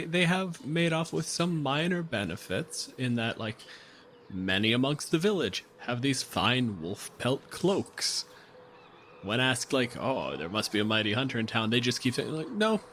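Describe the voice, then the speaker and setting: A man hosts as game master, improvising a tabletop game story in a conversational way with dramatic emphasis. His voice sits in the mid-range with a fairly bright tone, and there's slight background noise.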